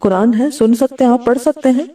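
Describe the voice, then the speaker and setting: A woman's voice: fairly high pitch, a little fast, dark tone, distant mic. A woman Islamic scholar, giving a sermon. She recites Arabic verses and explains them, often asking the audience questions and answering them herself.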